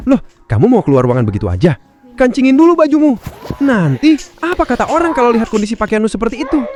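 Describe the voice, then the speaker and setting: A man's voice: mid-range voice, sing-song, brisk, darkish tone, natural voice. A man voicing a lecherous office boss who speaks curtly. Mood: flustered. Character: lecherous male office boss, stern then flustered.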